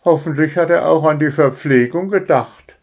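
A man voicing an excited, eager male hedgehog in a children's storybook. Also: a little high, normal speed, voice pushed up. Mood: cheering. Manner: cheering, eager.

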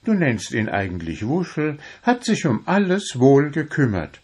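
A man doing a chirpy high little kobold. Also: big pitch swings, a little slow, a little mellow, husky, heavily acted. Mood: cheerful teasing. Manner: high, bubbly, chatty. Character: cheerful meddling little male kobold.

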